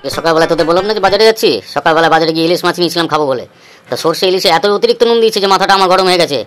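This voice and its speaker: A woman's voice: on the low side, racing, soft background music, pitched below the performer's own voice, lightly acted. A woman voicing a stern male village strongman in a cartoon, giving clipped, commanding orders. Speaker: voice actor. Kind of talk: cartoon voice acting.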